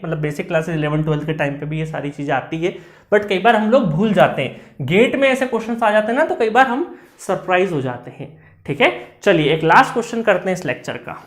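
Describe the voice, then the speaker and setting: A male lecturer working through exam problems step by step, reading each question aloud slowly and checking in with frequent tag questions. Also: high voice, a bit bright.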